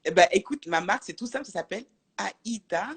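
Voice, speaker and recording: Husky woman, rapid talk, halting restarts, guest in a video-call chat. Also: mid-range voice, lively intonation. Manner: hesitant, many restarts. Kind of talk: casual chat on a live stream.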